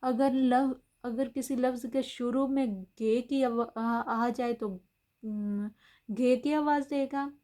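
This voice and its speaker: Explaining how German letters are pronounced, a woman teaches patiently in a warm, somewhat high voice with fairly even intonation. She frequently repeats herself and uses small fillers and restarts.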